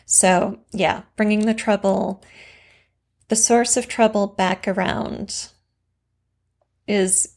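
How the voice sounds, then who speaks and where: A woman co-hosting a casual podcast conversation. Her voice carries a gravelly fry. She explains thoughtfully, working through examples. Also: mid-range voice, steady tone, takes it slowly, long pauses, a little mellow. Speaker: podcast co-host. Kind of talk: casual craft discussion.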